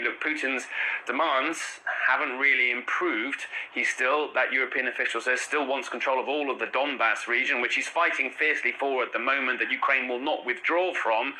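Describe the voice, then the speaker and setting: A man's voice: mid-range voice, sharp tone, rough recording. A man working as a news correspondent, giving an analytical report with emphatic, dramatic phrasing.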